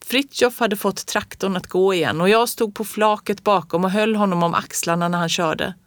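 A woman reading a children's storybook aloud in a calm, even storytelling voice. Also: mid-range voice, no echo.

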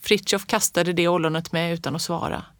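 A woman narrating a children's story in the first person, reading calmly and evenly. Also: lowish voice, dry recording. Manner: calm, even reading. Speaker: audiobook reader.

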